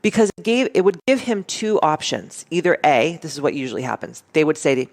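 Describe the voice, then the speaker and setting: A woman with a low voice speaks briskly as a guest in a casual interview, telling stories in an animated, blunt way. She swears freely and acts out what people said.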